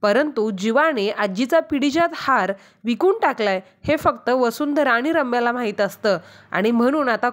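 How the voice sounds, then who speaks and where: A woman with a fairly high voice recaps a TV serial episode in steady storytelling. She quotes each character's lines inline as part of the telling. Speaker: channel narrator.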